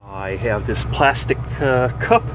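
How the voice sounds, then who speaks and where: A man narrating his own repair work in a relaxed, rambling way, thinking aloud with fillers and self-corrections, recorded inside an old motor coach. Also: mid-range voice, takes it slowly. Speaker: DIY vlogger restoring a vintage motorhome. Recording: steady background hum, noisy.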